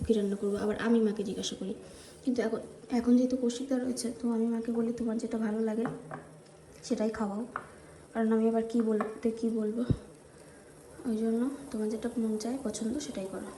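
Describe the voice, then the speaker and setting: Soft-spoken woman vlogging in a kitchen. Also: a little high, echoey room, noisy background. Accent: Bengali. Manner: speaking softly so as not to wake the household. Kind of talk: casual daily vlog. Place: home kitchen.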